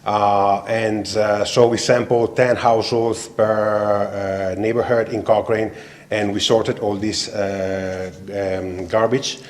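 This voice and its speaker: Low-voiced man presenting to council. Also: little pitch movement, slow pace. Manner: hesitant, many fillers. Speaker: town staff presenter. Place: council chamber.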